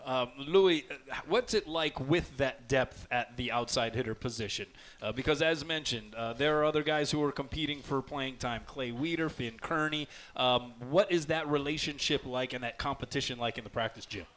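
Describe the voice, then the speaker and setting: A man's voice: mid-range voice, moderate pace, few pauses, fairly bright tone. A man hosting a sports radio show, asking interview questions in a friendly way, often leading with "uh" or "um". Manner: friendly, filler-led questions. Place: restaurant livestream.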